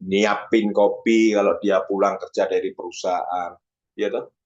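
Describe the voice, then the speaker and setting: A man preaching a sermon, animated and often calling out to his listeners. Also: unhurried, highs cut off. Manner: animated, swings pitch up for emphasis, keeps addressing listeners as "brothers".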